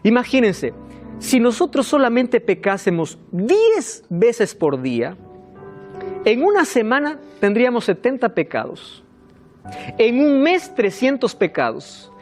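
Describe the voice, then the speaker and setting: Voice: medium pitch, big pitch swings, a little slow, a little mellow, faint music behind. A preacher delivering a sermon, telling stories expressively, asking the congregation rhetorical questions and repeating phrases for emphasis.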